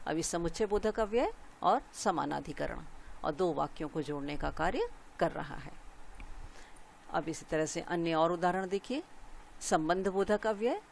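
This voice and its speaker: A woman's voice: fairly low pitch, vocal fry, a little hiss or hum. Woman teaching grammar patiently. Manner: explains slowly, pausing to point out each example. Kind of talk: Hindi grammar lesson.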